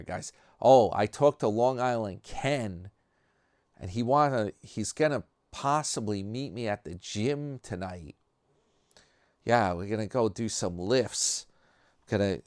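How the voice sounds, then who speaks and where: A man's voice: fairly low pitch, no echo, clean studio sound. A man with a New York accent talking in a loose, rambling commentary style, full of fillers and restarts. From New York area. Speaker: commentary vlogger.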